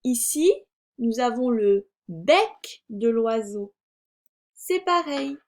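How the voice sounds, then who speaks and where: A woman schoolteacher from France leads a recorded reading lesson for young children, drawing out every syllable at a very unhurried pace. Her voice sits a little high and has a gravelly, creaky edge. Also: expressive, a little mellow. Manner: slow, deliberate, over-articulated sounding out of syllables. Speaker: primary school teacher.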